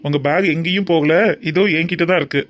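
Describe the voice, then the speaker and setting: A man's voice: fairly high pitch, fairly even intonation, quick pace, lo-fi sound, lightly acted. A man voicing an easygoing young man who jokes and reassures in a family cartoon. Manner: breezy, joking. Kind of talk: cartoon dub acting.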